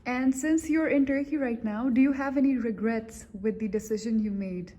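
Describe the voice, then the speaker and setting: A woman student interviewing a guest, asking questions gently and encouraging him with frequent mm-hmms. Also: fairly high pitch, moderate pace.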